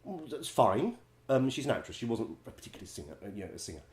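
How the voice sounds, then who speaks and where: A man, a musical director and vocal coach, telling wry stories in a chatty way, laughing often and filling pauses with ums. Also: mid-range voice, big pitch swings, a little mellow, roomy sound. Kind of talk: casual anecdote-telling.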